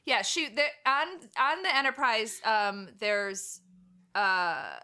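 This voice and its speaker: A woman's voice: on the high side, expressive, slow, pushed and bright, clear, resonant tone. A woman co-hosting a casual film and TV discussion, wry and emphatic, swearing casually. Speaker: podcast co-host.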